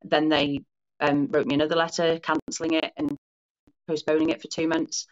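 Over dull, lo-fi call audio, a Welsh woman in her forties chats casually as an interview guest in her home lounge, recounting her story at length with minor restarts and self-corrections. She has a low-pitched voice, keeps a level tone and moves at a moderate pace.

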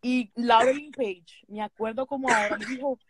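A woman's voice: on the high side, fairly even intonation, normal speed. A woman from the Dominican Republic with a Dominican Spanish accent, chatting casually and gushing, dropping English phrases into her talk. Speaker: book channel host. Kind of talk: casual chat.

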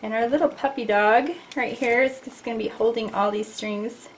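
A middle-aged woman talks through a loose sketch as she draws, chatty and playful with her viewers. Her voice sits a touch high. A faint hiss sits under the recording. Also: fairly even intonation, moderate pace. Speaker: art teacher. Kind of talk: casual drawing tutorial. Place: at a drawing desk indoors.

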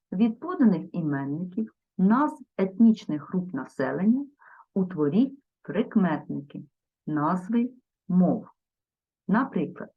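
Woman, teacher, grammar lesson, lowish voice, careful spelling-out, dull lo-fi recording. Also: mellow, husky. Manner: slow, careful spelling-out of word forms; addresses viewers directly. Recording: dull lo-fi sound.

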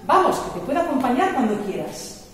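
Patient young travel guide, put on by a woman teacher: calm, explanatory, distant and roomy. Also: high voice, fairly quick. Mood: reassuring. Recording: echoey church hall, mic far off.

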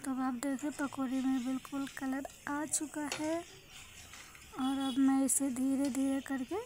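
A woman with an Indian accent, a home cook and vlog host, talks viewers through a cooking demonstration in a chatty, repetitive way. Her voice is high-pitched and level, a little slow. It's a noisy phone recording made in her indoor home kitchen beside a frying pan.

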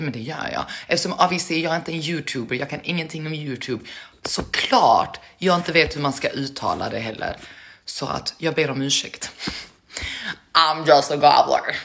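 A woman's voice: on the low side, bright, forceful tone. A woman chatting casually to her live-stream viewers between prank calls, joking and laughing at herself. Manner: chatty, self-mocking, laughs often.

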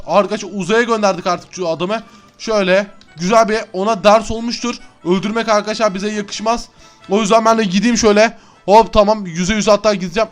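Young male let's-play host, high and fast, excitable yeller. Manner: excitable, chatty, often yells and laughs. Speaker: gaming YouTuber. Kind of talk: Minecraft let's-play commentary.

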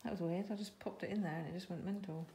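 A woman's voice: fairly low pitch, steady tone, quick pace. A woman exploring a derelict farmhouse, chatting casually on a handheld phone with jittery, nervous exclamations. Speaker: urban explorer. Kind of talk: casual chat while exploring. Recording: echoey empty house, clear noise.

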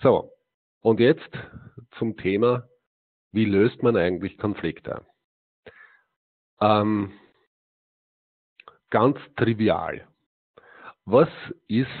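A man giving a live talk to a seated audience, emphatic, asking rhetorical questions and answering them himself, with frequent hesitations. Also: sits low. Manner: sprinkles in "ja" and hesitant "äh". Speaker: lecturer. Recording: tinny, phone-like narrow sound.

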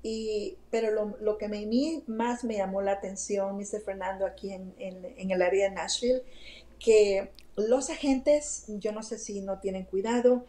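A woman's voice: medium pitch, fairly even intonation, unhurried, warm tone, poor audio. A woman telling a story to a host in a casual chat, full of fillers and asides. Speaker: interview guest.

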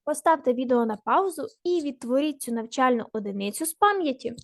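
A woman teaching children grammar spells out each word's parts slowly and with care in a recorded lesson. She has a high, animated voice, captured at studio quality without echo.

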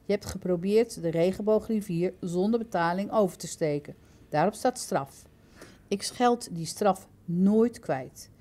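Woman doing a severe toll lord, mellow, firm and questioning. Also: mid-range voice, unhurried, natural voice. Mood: stern. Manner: sharp, probing questions. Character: stern commanding male toll lord.

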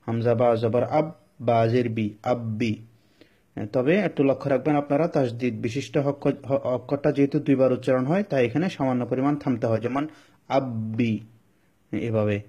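A man with a Bangladeshi accent teaching a recorded class on reading Arabic letters. He spells out syllables slowly and repeats them as drills. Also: mid-range voice, warm tone, dull audio.

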